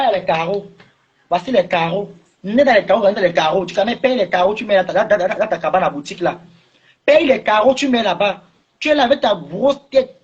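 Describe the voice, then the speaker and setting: A man's voice: high-pitched, husky, dull audio. A man, ranting and taunting on a livestream, firing the same questions again and again. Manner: taunting, repeats questions, rising to shouts. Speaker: social media livestreamer. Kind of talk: mocking livestream rant.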